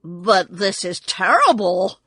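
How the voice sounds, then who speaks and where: A woman's voice: on the low side, lively intonation, slow pace, pushed and bright, no echo, exaggerated voice, poor audio. A woman voicing an angry, impatient man of tin in a storybook, emphatic and indignant.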